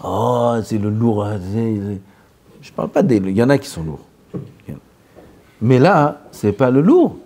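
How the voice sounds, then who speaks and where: A man giving a lively religious lesson, asking the class questions and drilling how words are pronounced. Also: fairly low pitch, unhurried, pauses often, husky. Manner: animated, asks questions and drills pronunciation. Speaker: rabbi teaching.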